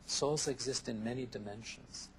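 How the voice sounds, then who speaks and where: A man answering interview questions in a thoughtful, measured way, often listing ideas one after another, heard from a worn VHS tape copy. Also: medium pitch, crowd noise, poor audio. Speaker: interview guest, therapist.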